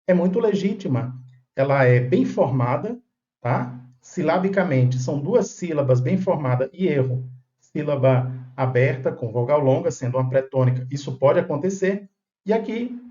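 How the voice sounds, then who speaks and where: A man's voice: fairly high pitch, mellow, highs cut off. A man giving a video lesson on old manuscripts, explaining step by step and often checking in with his viewers. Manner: didactic, checks in with "tá?" and "né?". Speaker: Bible manuscript lecturer.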